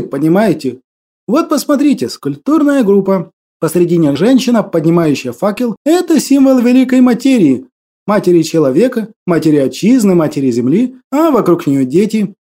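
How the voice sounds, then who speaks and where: A man voicing a gentle, earnest young man who patiently explains things. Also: sits high.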